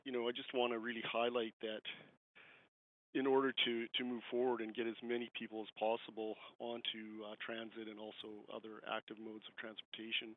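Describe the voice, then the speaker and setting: A man in his fifties on a glitchy, faint phone line, speaking haltingly with many fillers during public comment at a council meeting. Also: fairly low pitch. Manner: hesitant, halting, full of "you know" fillers. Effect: glitchy, faint phone-line audio.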